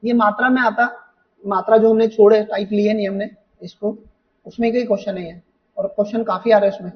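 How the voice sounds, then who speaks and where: A male teacher with a high voice goes through exam questions, repeating each point and asking his students rhetorical questions. He sounds a little away from the mic, and the recording is muffled and dull. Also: steady tone, fairly quick, far from the mic. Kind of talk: exam paper walkthrough lesson.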